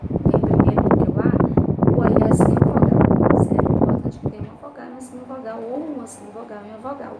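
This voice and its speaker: A Brazilian woman teaching a remote lesson at home, her voice pitched a little high as she patiently walks students through an exercise, slowing down on each syllable. She sits some way from the mic in a roomy space, with loud constant noise behind her. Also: distant mic. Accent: Brazilian Portuguese. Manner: patient, checks in with tag questions, spells out syllables slowly. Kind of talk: remote class lesson, explaining grammar exercises. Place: home room, recorded for a remote class.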